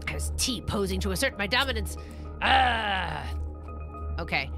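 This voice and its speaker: A woman in her thirties chatting casually on a live horror game stream, exclaiming like an excitable, scared player. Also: medium pitch, fast talker. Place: indoor room, live stream. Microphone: close studio microphone on arm, headset. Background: game music.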